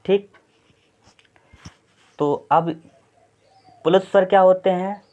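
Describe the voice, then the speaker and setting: A man leads a Hindi grammar lesson for exam candidates, his voice sitting a touch higher than most men's. He works through each point patiently and repeats it. The sound is a little muffled and lo-fi. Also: steady tone, slow, a little mellow. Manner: explanatory, repetitive, frequent "thik hai" check-ins. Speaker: teacher. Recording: slightly dull lo-fi sound.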